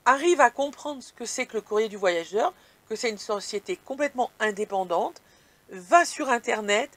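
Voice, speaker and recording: Blunt, higher-voiced woman vlogger. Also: lively intonation, moderate pace. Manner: direct and blunt, addresses viewers informally. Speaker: vlog host answering viewer questions. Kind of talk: casual chat.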